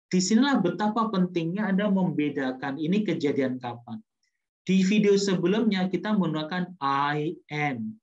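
A man teaching English grammar in a lively way. He asks questions and answers them himself, and slows down to repeat example sentences. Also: fairly high pitch. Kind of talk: classroom grammar explanation. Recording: muffled lo-fi recording.

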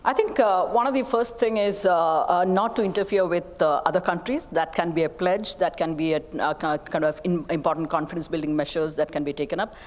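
A middle-aged woman speaking on a conference panel, measured and hesitant, with many fillers. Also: lowish voice. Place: stage of a conference hall. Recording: hall reverb.

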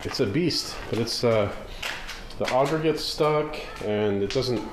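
A man's voice: medium pitch, a little slow. A man in his forties chatting casually to a handheld camera in his garage, rambling and easygoing. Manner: rambling, easygoing, restarts sentences. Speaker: family vlogger. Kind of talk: casual vlog chat. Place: garage at home, indoors. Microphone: handheld camera close to face. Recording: noisy home camera audio.

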